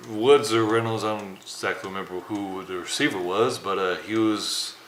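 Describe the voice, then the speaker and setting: A young man co-hosting a casual sports talk show, speaking in a subdued, halting way with many fillers, downcast after a loss. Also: lowish voice, fairly even intonation, fairly bright tone. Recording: roomy echo, faint background noise.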